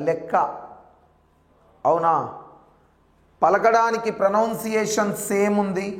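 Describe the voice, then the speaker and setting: A male teacher giving an exam-prep grammar lesson. He spells words out letter by letter and repeats the key terms. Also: sits high. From Andhra Pradesh, India. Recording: echoey room with long reverb.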